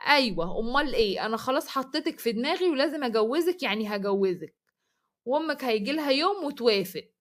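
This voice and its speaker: A woman's voice: sits high, expressive, fast. A woman with an Egyptian accent voicing a pushy, cheerful neighbor who insists on matchmaking. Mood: insistent.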